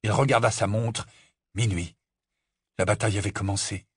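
A man reading a fantasy novel aloud in steady, measured scripted narration. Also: lowish voice, husky, no room sound, clean studio sound. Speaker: audiobook narrator.

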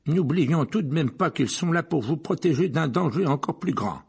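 A man's voice: a little high, animated, normal speed, vocal fry, breathy edge, voice pushed up, heavily acted. A man voicing a pompous middle-aged official who blusters and stammers. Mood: blustering. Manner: hesitant stammer, blustering, hushed at times.

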